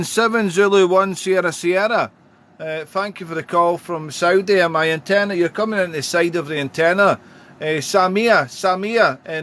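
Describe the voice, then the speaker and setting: High-pitched British man working the radio. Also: fairly bright tone. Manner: deliberate, using radio call phrases. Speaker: amateur radio operator. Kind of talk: casual radio contact chat. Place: home radio room.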